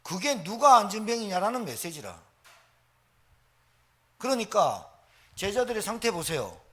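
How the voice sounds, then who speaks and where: A man's voice: high-pitched, big pitch swings, measured pace, a bit bright, slightly rough. A middle-aged man, preaching a sermon as pastor with emphatic rhetorical questions.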